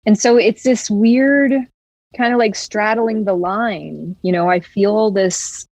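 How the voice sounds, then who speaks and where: Slow and medium-pitched with a darkish tone and no room sound, a young woman chats as a podcast guest. Born in West Virginia and raised in Florida, she's reflective and leans heavily on "like."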